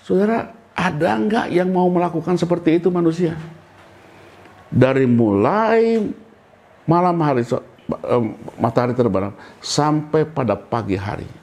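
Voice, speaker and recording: A man's voice: a little high, expressive, measured pace, darkish tone, poor audio. A middle-aged man preaching a sermon in a casual, colloquial way, often addressing his listeners directly and acting out the voices he quotes. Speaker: pastor.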